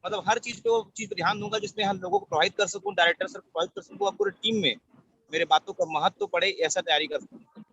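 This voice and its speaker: A man's voice: high-pitched, fast talker, bright, forceful tone, a little hiss or hum, poor audio. A man who is a sales associate in training answers the trainer earnestly and deferentially, calling in from out in the field. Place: out in the field, near traffic.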